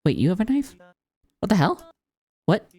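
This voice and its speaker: A woman's voice: mid-range voice, sing-song, moderate pace, a little mellow, slightly rough, pitched above the performer's own voice. Woman playing a flustered, indignant young underdog.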